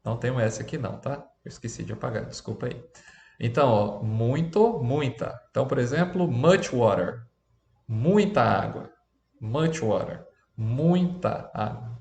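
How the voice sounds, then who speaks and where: A man's voice: medium pitch, normal speed, vocal fry, darkish tone, roomy sound. A man teaching an English lesson with a Brazilian Portuguese accent, chatty and often checking in with his students.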